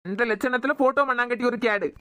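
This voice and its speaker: A woman with a Kanyakumari Tamil accent voicing a teasing, devoted young male doctor in a cartoon, scolding in quick banter. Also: on the high side, pushed and bright, no room sound. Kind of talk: cartoon voice acting.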